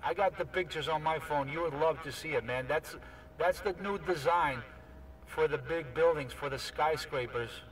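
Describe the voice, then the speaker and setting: Chatting informally with other CB radio operators, this man speaks at normal speed in a slightly high voice and often says "man." The sound is a distant, noisy CB radio transmission.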